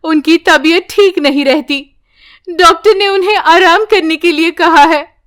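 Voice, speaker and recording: A woman voicing a poor, devoted village mother in an animated storybook, protective and pleading. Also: extremely high pitch, unhurried, pitched above the performer's own voice.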